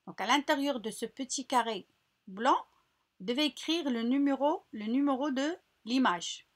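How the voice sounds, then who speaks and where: A woman teacher slowly guiding children through a French workbook lesson, repeating words and spelling out syllables patiently. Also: sits high. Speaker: primary school teacher. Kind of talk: recorded lesson walkthrough.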